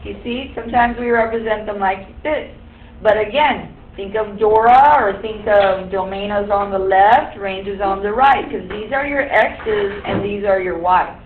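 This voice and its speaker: A woman's voice: medium pitch, slight background noise. Woman teaching in an echoey classroom. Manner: explains step by step, quizzes the class. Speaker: high school algebra teacher. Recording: echoey room, tinny phone-like sound.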